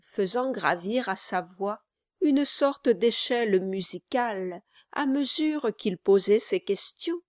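A woman narrating a classic novel in a measured, literary storytelling manner. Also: medium pitch, expressive, no echo, studio quality. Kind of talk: scripted audiobook narration.

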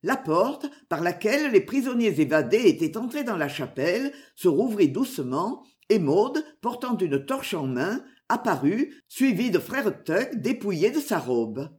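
A woman narrates an adventure story as an audiobook. Her reading is measured yet expressive, with a wide, animated pitch range.

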